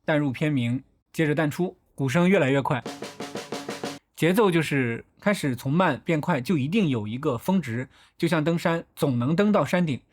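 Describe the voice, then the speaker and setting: A man's voice: fairly high pitch, animated, moderate pace. A man hosting a film analysis video, talking through each shot step by step in a methodical, explanatory way. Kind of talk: explanatory film breakdown narration.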